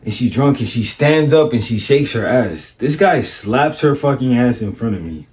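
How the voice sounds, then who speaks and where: A man's voice: mid-range voice, animated, moderate pace, darkish tone. A man, a life coach, telling a personal story in casual, blunt, profane talk, often checking in with "right?" and acting out the other people's lines. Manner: acts out other people's voices in his stories.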